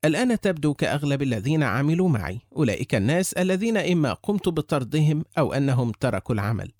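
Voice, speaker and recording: A man voicing a calm, measured rich businessman. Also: fairly high pitch, no echo, studio quality. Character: calm, shrewd wealthy older businessman. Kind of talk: audiobook character reading.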